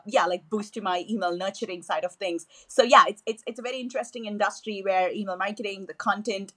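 With a mid-range, fairly bright voice, this woman guests on a podcast interview full of enthusiasm. She's from southern India, grew up speaking Tamil, and often uses fillers and restarts as she talks.

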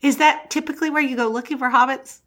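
A woman's voice: sits high, fairly even intonation, quick pace, fairly bright tone. A woman co-hosting a podcast, chatting casually and enthusiastically about a book, laughing often. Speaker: podcast co-host.

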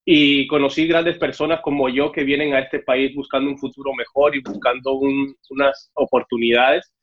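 A young man originally from Cuba shares his story as an interview guest, acting out conversations with a raised voice in a casual chat. He has a Mexican Spanish accent and a mid-range, level voice at normal speed, though the audio is dull and muffled.

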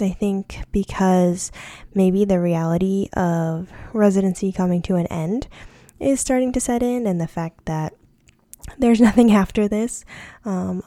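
Slow, gravelly-voiced young woman reflecting. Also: mid-range voice, warm tone, no echo. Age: 20s. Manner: thoughtful, unhurried, many pauses and fillers. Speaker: orthodontic resident. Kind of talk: reflective personal vlog.

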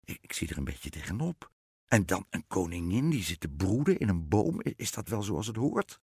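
A man's voice: low-pitched, sing-song, moderate pace, vocal fry, darkish tone, husky, no room sound, clean studio sound, full character voice. A man voicing an eager, fretful fairy-tale queen in an audiobook. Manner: pleading, coaxing. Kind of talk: audiobook storytelling.

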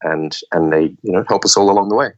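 A man guesting on a podcast, explaining coffee ideas in a relaxed, lecture-like way with plenty of filler words. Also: low voice, quick pace, dull audio. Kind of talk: casual interview talk.

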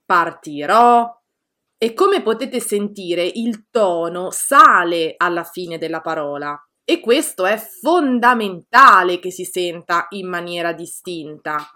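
A woman teaching pronunciation in a scripted lesson, reading example words out slowly and deliberately. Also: fairly low pitch, sharp tone. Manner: slow, careful, reads out example words deliberately. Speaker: Italian teacher.

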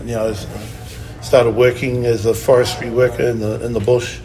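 A soft-spoken man in his fifties with a New Zealand accent answers questions at a middle pitch. He pauses often and fills the gaps with ums and uhs. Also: flat delivery, poor audio. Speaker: interview guest. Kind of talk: casual interview.

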